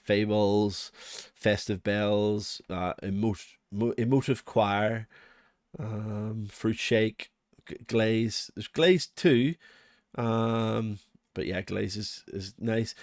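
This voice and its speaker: Very slowly and in a lowish voice, the Northern Irish host of a music production channel chats his way through a casual, unscripted walkthrough, rambling and running himself down as he goes. The recording is dry, with clean studio sound.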